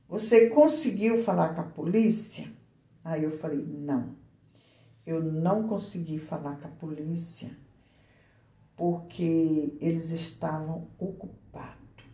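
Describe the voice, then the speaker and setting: Slow, halting woman giving testimony. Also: on the low side, warm tone, roomy sound. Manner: halting, repeats words and restarts phrases; earnest, addresses listeners directly. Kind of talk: personal religious testimony, storytelling.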